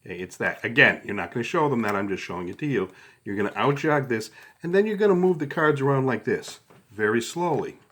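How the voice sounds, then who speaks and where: A man's voice: mid-range voice, lively intonation, fairly quick, a bit bright. A middle-aged man talks through a hands-on tutorial step by step in a casual, conversational way, often checking in as he goes. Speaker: card trick instructor.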